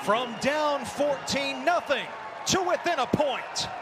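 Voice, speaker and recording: Very animated, high-pitched man calling touchdowns. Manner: dramatic, drawn-out shouted touchdown calls. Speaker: play-by-play commentator. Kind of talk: live American football commentary with touchdown calls. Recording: loud crowd roar and stadium noise.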